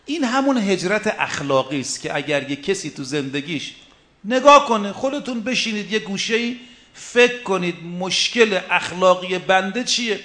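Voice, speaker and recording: High-voiced man preaching emphatically. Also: animated, fairly bright tone. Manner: emphatic, preaches in short rhythmic lists; slowly intones Arabic verses. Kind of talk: religious sermon.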